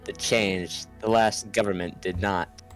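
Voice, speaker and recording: Playing an earnest reformist politician, a man reads scripted political game voice-over with background music behind him. His lowish voice is steady in tone, a little slow, and lightly acted, and he makes his points declaratively with earnest resolve.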